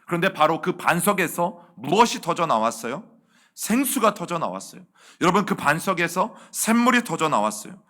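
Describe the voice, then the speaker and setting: A man's voice: on the high side, big pitch swings, moderate pace, pushed and bright. A man preaching as senior pastor at a Wednesday evening church service, calling out to the congregation and asking them questions he then answers. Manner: addresses the congregation as "여러분" again and again, asks questions and answers them. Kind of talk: sermon.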